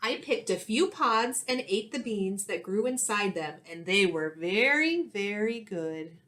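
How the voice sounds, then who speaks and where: In a small, classroom-like indoor room, a thirty-something woman reads aloud to young children as an elementary school teacher. She keeps a measured pace, her mid-range voice bobbing animatedly up and down. Her delivery is clear and instructive, with phrasing expressively shaped for little ones.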